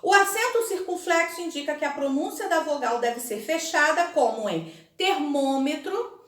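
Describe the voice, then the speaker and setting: A teacher with a Brazilian Portuguese accent and a high voice, stretching words out slowly so every syllable comes through. She is recorded indoors, with a noticeably echoey room around her. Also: lively intonation, fairly bright tone. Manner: slow, careful word-by-word pronunciation. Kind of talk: recorded remote Portuguese lesson.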